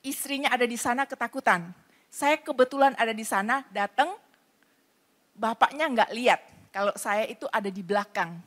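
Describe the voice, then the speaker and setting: A woman's voice: fairly high pitch, normal speed, a bit bright. A woman pastor preaching a sermon in a church, earnestly explaining with everyday stories.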